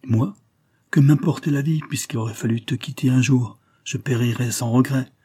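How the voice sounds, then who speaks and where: A man's voice: medium pitch, moderate pace, dark tone, slightly rough, voice pushed up, natural voice. A man voicing a young nobleman who speaks tenderly and laments. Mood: lamenting.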